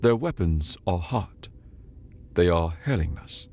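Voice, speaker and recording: A man voicing a calm, placid artificial intelligence speaking inside a character's head in a sci-fi audiobook. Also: sits low, slow, soft background music, exaggerated voice. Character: calm synthetic male AI voice in the head.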